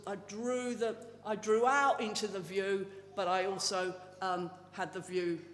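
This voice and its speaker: A man from South East England with a notably high voice gives an informal slide talk, halting and heartfelt, full of restarts. His voice carries the long echo of a big hall, with faint room ambience underneath. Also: fairly bright tone, a little hiss or hum. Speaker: speaker sharing personal testimony. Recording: echoey hall with long reverb.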